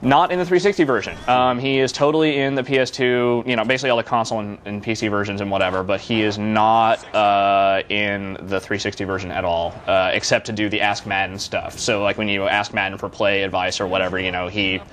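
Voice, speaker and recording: Stammering, low-pitched male game reviewer. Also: steady tone, fairly quick, few pauses, a bit bright, slight background noise. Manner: rambling, many restarts and stammered repeats. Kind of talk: casual live broadcast chat.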